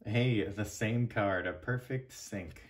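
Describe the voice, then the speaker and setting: A young man with a slightly low voice talks informally to his viewers. He comes across as a laid-back channel host giving easygoing commentary on what he is opening. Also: takes it slowly. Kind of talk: casual unboxing commentary.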